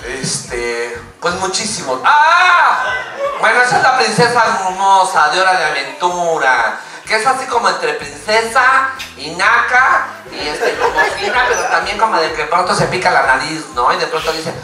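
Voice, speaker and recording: A man's voice: sits high, moderate pace, a faint crowd. Mexican guy cracking jokes at a fan event, slangy, music behind, far off. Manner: animated, jokey, slangy. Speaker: voice actor guest. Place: event hall. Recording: echoey hall from far off, music.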